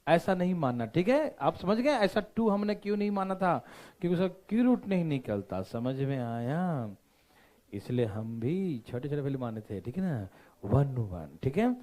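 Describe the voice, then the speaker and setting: A man's voice: a little high, warm tone. A man teaching a math lesson, playful and constantly checking whether his listeners follow. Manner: playful, joking asides. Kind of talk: classroom lecture.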